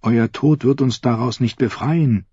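Husky man doing a panicked young woman, shrill and pleading, dry dull sound. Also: unhurried, warm tone, no echo. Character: young woman, desperate princess. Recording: slightly dull lo-fi recording.

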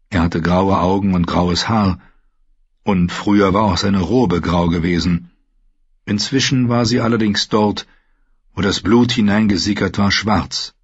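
A man narrating a fantasy audiobook in an even, steady storytelling voice. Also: low voice, husky, no echo. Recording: slightly muffled, dry recording.

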